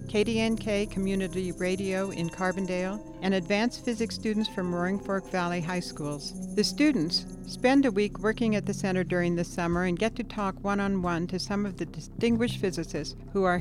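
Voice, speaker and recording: A woman's voice: mid-range voice, normal speed, few pauses, over music. A woman hosting a radio program, reading a scripted introduction steadily and stopping to check pronunciations. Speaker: radio host.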